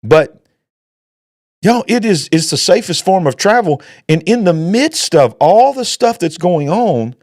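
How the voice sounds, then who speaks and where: A man's voice: high-pitched, big pitch swings, a little slow, darkish tone, dry recording, studio quality. A man, a pastor and show host giving emphatic, preacher-like commentary. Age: 50s. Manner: emphatic, preacher-like, rising to exclaim. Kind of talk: opinionated commentary.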